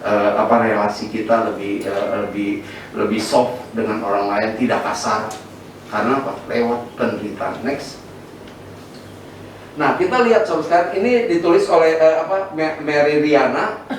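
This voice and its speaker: A man's voice: moderate pace, recorded from a distance, a little hiss or hum. Man preaching in an echoey church. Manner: animated preaching, sweeping pitch, frequent fillers and restarts. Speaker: pastor. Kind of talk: sermon. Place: church sanctuary. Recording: echoey church hall from afar with faint ambience.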